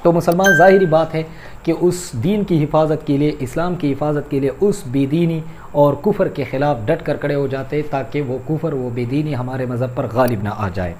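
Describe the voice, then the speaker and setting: A man lectures like a patient Urdu teacher, naming each word, giving its meaning and correcting how it is said. His voice sits slightly high, and there is a faint hiss in the background. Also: darkish tone. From Pakistan. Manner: explanatory, repeats words to correct pronunciation; addresses listeners as "janab". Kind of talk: lecture on vocabulary and grammar.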